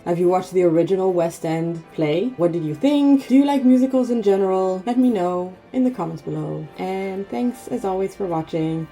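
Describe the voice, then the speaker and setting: A woman's voice: medium pitch, dark tone. A woman with an Israeli accent giving a chatty, rambling casual film review, full of fillers and restarts.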